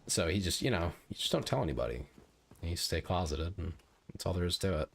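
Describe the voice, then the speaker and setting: Male streamer, low voice, loose rambling banter with viewers mid-game. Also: lively intonation, brisk, gravelly, fairly bright tone, slight background noise. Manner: chatty, rambling, joking with viewers. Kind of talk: casual live-stream gaming chat.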